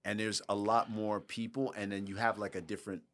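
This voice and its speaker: A man's voice: fairly low pitch, little pitch movement, fairly quick, fairly bright tone. A middle-aged man from Saint Thomas, a podcast guest talking in a profane, emphatic, casual way. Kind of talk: casual chat.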